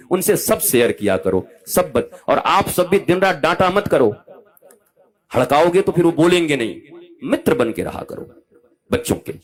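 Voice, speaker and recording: A man in his fifties, a spiritual teacher, giving a live discourse. He speaks animatedly, rising to loud exhortation and dropping to soft asides as he addresses his listeners directly and affectionately. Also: mid-range voice. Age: 50s.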